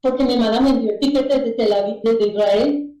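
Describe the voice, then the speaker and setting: A Colombian woman with a Colombian Spanish accent tells a personal faith story in a casual, rambling way, full of restarts and prayerful asides. Her voice sits high but sounds mellow and dark in tone. She is heard from some distance in an echoey room. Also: a little fast. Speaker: speaker sharing a personal faith testimony. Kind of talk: casual testimony.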